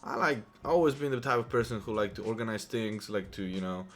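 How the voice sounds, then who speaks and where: This thirty-something Polish vlogger, accented and chatty, recounts his personal story to camera in a meandering way, frequently starting over. He talks fairly quickly in a lowish voice.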